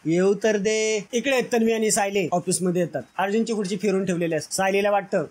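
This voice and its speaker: A man with a high voice narrates a television serial episode in casual recap style. He moves quickly through the scenes and voices each character himself. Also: darkish tone. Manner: quick storytelling, voicing every character.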